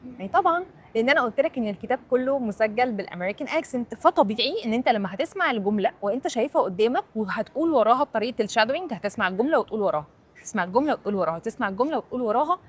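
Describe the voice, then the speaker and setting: Egyptian woman English teacher, casual explainer, rapid and high-pitched. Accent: Egyptian Arabic.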